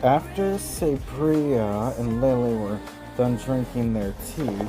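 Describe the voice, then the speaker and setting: A man narrating a first-person story as an amateur audiobook reader, in a plain, unhurried way. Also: medium pitch, music in the background, low-quality recording.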